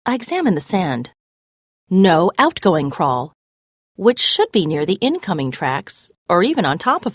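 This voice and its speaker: Reading a children's story aloud, this woman narrates with measured expressiveness, her lowish voice rising and falling in animated swings. The sound is intimate and dry, with no echo.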